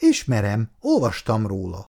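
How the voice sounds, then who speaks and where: A man's voice: vocal fry, exaggerated voice. A man reading a story aloud, voicing an eager, cheerful young woman in raised girlish tones. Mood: lively. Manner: excited, high-pitched girlish lines. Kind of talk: read-aloud story dialogue.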